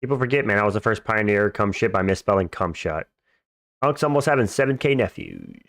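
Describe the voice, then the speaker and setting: A man with a fairly low voice hosts a casual livestream. He talks like a frat bro, dropping bro and dude as he reads chat and replies. The sound is dry, with very little room on it. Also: very animated, a little fast, creaky, fairly bright tone, no room sound. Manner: frat-bro talk, slangy, peppered with bro and dude. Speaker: livestream host. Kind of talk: casual livestream chat, reading out and answering viewer comments.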